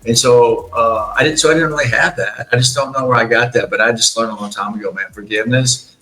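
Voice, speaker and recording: A man's voice: medium pitch, fast talker, sharp tone, reverberant, low-quality recording. A man in his fifties hosting a casual conversation, talking earnestly in rambling sentences with many restarts. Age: 50s. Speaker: podcast host.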